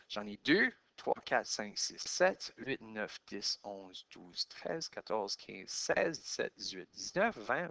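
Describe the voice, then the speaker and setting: A man's voice: medium pitch, gravelly, dry recording. Québécois man teaching a math lesson. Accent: Québécois French. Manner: counting out loud step by step while writing.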